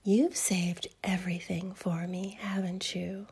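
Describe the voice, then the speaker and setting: A woman voicing a teasing, doting adult female fairy in a whispered audio roleplay, with a soft breathy whisper and slow, coaxing delivery. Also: fairly low pitch, little pitch movement, heavily acted.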